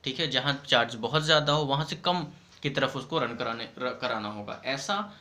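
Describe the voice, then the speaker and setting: A man gives a school science lesson in a voice of middle pitch with a bright, forward edge. He explains patiently and often stops to check that his students follow. He reads the textbook definitions slowly in English. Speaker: science teacher. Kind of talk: online classroom lesson.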